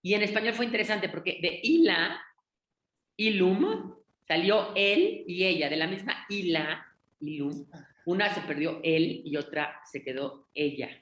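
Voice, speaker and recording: A woman's voice: fairly low pitch, lively intonation, unhurried, fairly bright tone, echoey room. A woman with a Mexico City accent, a guest linguist explaining her points at length in a casual panel discussion. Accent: Mexico City Spanish.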